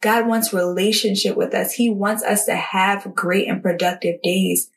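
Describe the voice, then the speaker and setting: A woman's voice: medium pitch, little pitch movement, unhurried, creaky. Earnest woman hosting a devotional podcast. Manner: earnest, personal, addresses listeners directly. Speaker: podcast host. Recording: voice somewhat distant from the mic.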